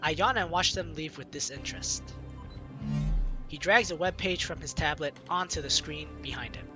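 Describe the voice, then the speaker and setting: Hosting a gaming video over game music, a man reads visual novel narration aloud informally, adding casual asides and correcting himself. His voice is a little high, at a normal speed.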